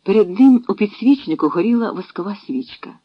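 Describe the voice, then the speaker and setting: Expressive audiobook narrator, lively pitch. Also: fairly quick, dry recording. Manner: expressive storytelling reading. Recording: dry, dull lo-fi sound.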